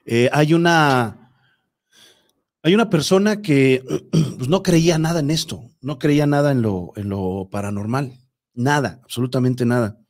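A man's voice: medium pitch, unhurried. A man, hosting a show and telling a paranormal story in a loose, conversational way that speaks directly to listeners. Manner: conversational, with filler words and restarts, addresses listeners directly. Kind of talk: spoken storytelling.

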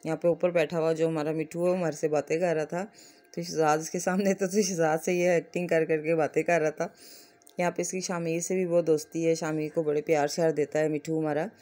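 Speaking a little fast in a deep, dark voice with little pitch movement, a Pakistani-accented family vlogger talks over her footage about daily home life. Her narration is relaxed and chatty, her stories running on without a break.

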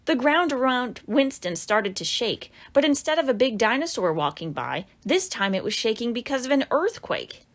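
For an audience of young listeners, a woman expressively reads her own picture book, with dramatic exclamations along the way. Her slightly high voice moves at a moderate pace with few pauses.

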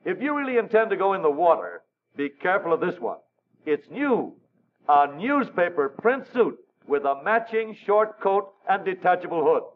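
A man's voice: high voice, big pitch swings, normal speed, narrow, tinny audio. A man narrating an old newsreel in a wry, showy announcer style, heard on a scratchy 1930s newsreel soundtrack.

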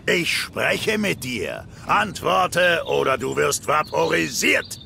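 An actor playing a surly, arrogant small alien invader in a video game, with a gravelly voice and a sardonic, menacing drawl. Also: male voice, fairly high pitch, big pitch swings, takes it slowly, noisy background, heavily acted. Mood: commanding, impatient.

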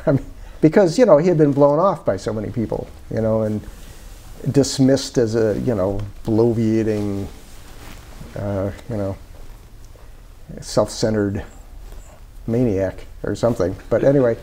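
A man's voice: lowish voice, unhurried, pauses often, dark tone, a little hiss or hum. An older man talking as an author being interviewed, reflective and meandering with many fillers, on a lapel mic in a small parlor-style room. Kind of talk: casual conversation.

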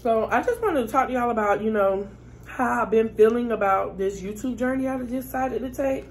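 A vlogger with a fairly high, brisk voice chats casually with her viewers as she eats, keeping the mukbang talk laid-back. There's slight background noise.

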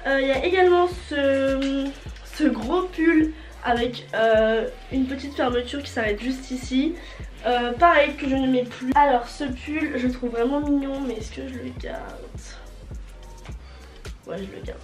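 A young adult woman, congested and nasal from a cold, chats casually in a fashion vlog, repeating words for emphasis. Her voice is high and her pace measured. A fixed camera at table distance films her indoors in a bedroom with a closet, and the sound is roomy with faint music.

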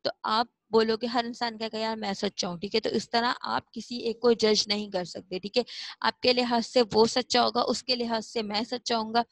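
Slow, coaxing woman teacher, dry sound. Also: on the high side, level tone, dry recording, poor audio. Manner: slow, repetitive, coaxing explanations. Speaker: school teacher. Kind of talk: classroom lesson.

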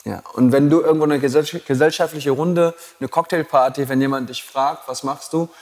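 A man's voice: on the high side, fairly even intonation, a little fast, a little mellow. A man teaching yoga teacher trainees in a blunt, provocative way and laughing at his own jokes. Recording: long hall reverb.

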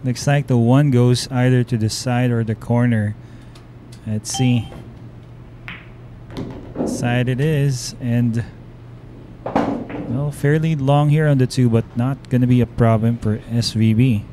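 A man giving billiards commentary in a measured, explanatory play-by-play manner. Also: mid-range voice, steady tone, warm tone, slight background noise.

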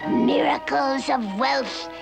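A woman voicing a scheming old sea witch in a vintage cartoon, theatrical and wicked, with a creaky cackle. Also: high voice, little pitch movement, takes it slowly, over loud music, heavily acted. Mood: greedy, commanding. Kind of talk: vintage cartoon villain acting.

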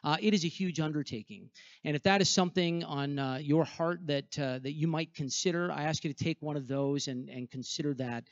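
A man's voice: on the high side, brisk, no echo. Earnest middle-aged man making an appeal. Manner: earnest, grateful. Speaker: school representative. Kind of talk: fundraising appeal to a congregation. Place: church sanctuary in front of a choir. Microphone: handheld microphone. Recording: dull, dry sound.

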